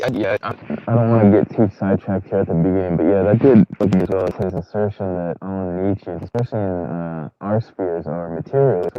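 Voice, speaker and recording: A man co-hosting a live stream in casual discussion, his voice coming through a garbled, distorted microphone, hesitating before he makes his point. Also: low voice. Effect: garbled, distorted microphone audio. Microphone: headset held too close to the mouth. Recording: muffled lo-fi line with faint hiss.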